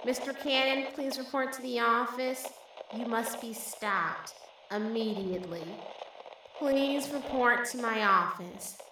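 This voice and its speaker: A woman playing a stern school principal making a slow, formal announcement over a school intercom. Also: on the high side. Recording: echoey, distant, noisy loudspeaker sound.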